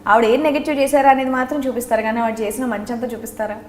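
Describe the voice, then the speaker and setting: A woman in her thirties, a serial actress, chatting lively as an interview guest and playfully protesting. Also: fairly high pitch, rapid-fire. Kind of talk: casual interview chat. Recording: echoey room with faint hiss.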